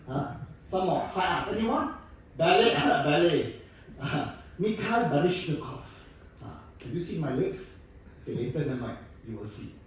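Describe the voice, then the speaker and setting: A Singaporean man in his sixties jokes and banters with a theatre audience in a high, very animated voice. His voice bounces around a big echoey hall. The mic catches him from a distance, with faint room ambience behind. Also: slight background noise. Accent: Singaporean English. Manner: playful, teasing banter with the audience, bursts of laughter. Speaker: stand-up comedian. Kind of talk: live stand-up comedy. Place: theatre stage before a live audience.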